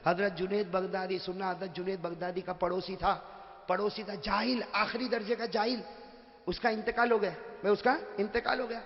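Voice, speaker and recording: A man giving a lively, joking sermon to a gathering, calling out to the crowd and swinging from soft talk to shouting. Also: high-pitched. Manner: calls out to the crowd for answers. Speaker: preacher. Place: large hall with a live gathering. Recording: echoey, muffled hall recording.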